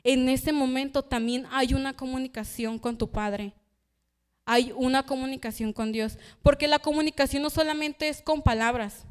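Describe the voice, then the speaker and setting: A woman's voice: sits high, steady tone, normal speed, clear, resonant tone. A young woman preaching a sermon in church, telling a personal story and acting out the voices she quotes. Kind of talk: youth sermon.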